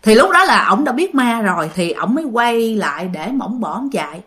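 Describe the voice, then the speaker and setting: Very animated and fairly quick, a woman with a Southern Vietnamese accent narrates a ghost story in a loose, conversational way. She talks directly to listeners, fills her speech with fillers, and her higher-pitched voice is a bit bright.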